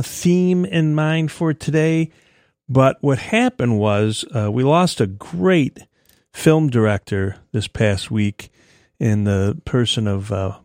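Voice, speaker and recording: A man with a thin, reedy, slightly raspy voice, chatting and rambling casually as he hosts a music show on the radio. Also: mid-range voice, darkish tone, no room sound, studio quality. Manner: chatty, rambling, chuckles often. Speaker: radio host. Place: radio studio.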